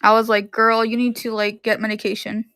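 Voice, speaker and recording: A woman's voice: on the high side, completely flat delivery, a little fast, fairly bright tone, dry recording, clean studio sound. Rambling woman in her thirties. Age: 30s. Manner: rambling, heavy use of "like". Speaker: live-stream seller. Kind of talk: casual chat on a live stream. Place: at home in her room.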